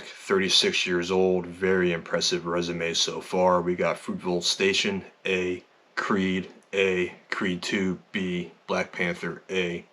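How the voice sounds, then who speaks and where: A man talking through a movie review in a casual, conversational way, with frequent fillers and lively bursts. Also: low voice. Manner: conversational, lots of fillers, animated.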